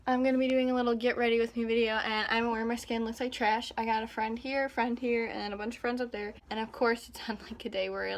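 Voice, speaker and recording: A teenage beauty vlogger with a slightly high voice chats and rambles through a casual get-ready-with-me vlog, joking at her own expense as she does her makeup in her home bathroom. A nearby phone camera records her in the small room, with a faint hiss beneath her voice.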